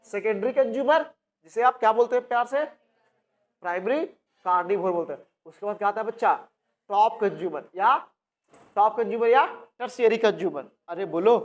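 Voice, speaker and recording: A male biology teacher from India, speaking. He lectures a coaching class, asks questions, answers them himself and repeats key terms. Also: sits high. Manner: addresses students as "बच्चा".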